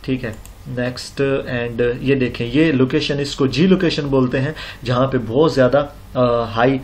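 Man, screen tutorial voice-over, explanatory, lots of fillers, mid-pitched. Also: fairly even intonation, measured pace. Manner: explanatory, frequent fillers and check-ins. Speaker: online seller tutorial host. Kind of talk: screen-recorded tutorial narration. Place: indoors at computer, voice-over on screen recording.

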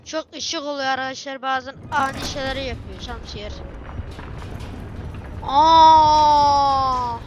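A woman giving excitable, chatty let's play commentary, talking to herself and her viewers as she plays. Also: sits high, fairly quick, hardly any pauses, muffled recording, noisy background. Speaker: gameplay streamer.

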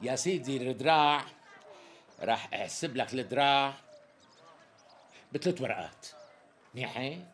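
An actor playing a smooth-talking, evasive tailor in a TV sketch comedy, speaking with a Damascene Arabic accent and chuckling salesman patter. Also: mid-range voice, expressive, moderate pace, pauses often, a bit bright, slight background noise, lightly acted. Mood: sweet-talking. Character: smooth-talking flattering middle-aged male tailor.

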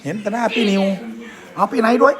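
A man's voice: high voice, expressive, fast, crowd noise. An older man with an Isan accent, a grandfather chatting casually and playfully while filming his grandchildren on a phone in a hospital room. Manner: doting and playful, coaxing the children. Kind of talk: casual home-video chat. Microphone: phone held while filming.

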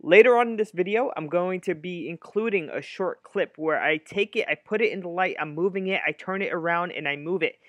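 A man's voice: high voice, fairly quick, few pauses, a bit bright, dry recording. A young man explaining his finds in an earnest recap voice-over recorded at home. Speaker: metal detecting vlogger. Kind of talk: voice-over narration. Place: home room.

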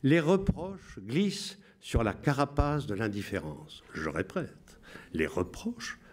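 A man's voice: medium pitch, sing-song. An older man playing a solemn wartime radio announcer. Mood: declaiming. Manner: measured, emphatic repetition of each phrase. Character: solemn male wartime radio announcer reading coded messages.

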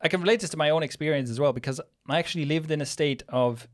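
Speaking fast in a slightly high voice, this Swiss man in his thirties co-hosts a casual podcast, thinking out loud and restarting his sentences. He sits in a small studio room with a plant wall, using a boom-arm studio mic and headphones.

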